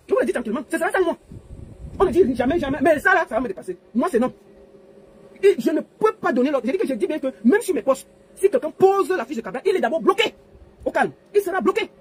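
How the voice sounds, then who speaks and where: A woman's voice: high voice, a little mellow, slightly rough. A woman giving an emphatic, repetitive political monologue to viewers. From Cameroon. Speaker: political commentator. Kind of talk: monologue to camera.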